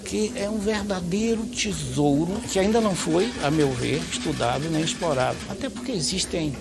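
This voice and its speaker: A man speaking as a researcher in a documentary interview, measured and explanatory. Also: on the high side, expressive, gravelly, over loud music.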